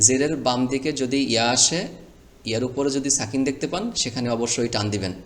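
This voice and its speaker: A man's voice: mid-range voice, fast talker. Patient man teaching Quran reading. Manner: patient, repetitive step-by-step explaining, sounding out letters. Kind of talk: screen-recorded reading lesson.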